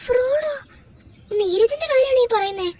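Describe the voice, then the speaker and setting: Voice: extremely high pitch, expressive, a little fast, a crowd in the background. A performer voicing a bewildered young wife in a home-made doll drama, pleading in confusion and close to tears. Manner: pleading, confused, rising to tearful.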